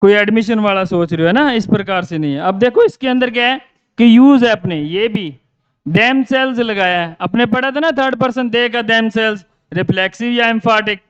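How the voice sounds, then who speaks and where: A man's voice: sits high, moderate pace, smooth, no echo, dull audio. A male teacher giving a grammar lesson, repeating his own questions and answering them.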